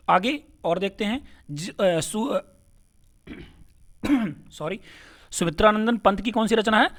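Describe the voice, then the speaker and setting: A man with a high voice gives an exam-prep lesson. He keeps putting questions to the class and answering them at once. He often repeats a key word with a quick "kya?" to make it stick. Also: fairly bright tone. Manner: asks questions then answers them himself. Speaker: teacher.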